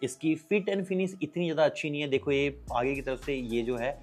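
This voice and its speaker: Excited young man reviewing phones. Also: on the high side, fairly quick, soft background music. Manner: excited, chatty, calls viewers brother and guys. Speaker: tech reviewer. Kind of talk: casual unboxing review.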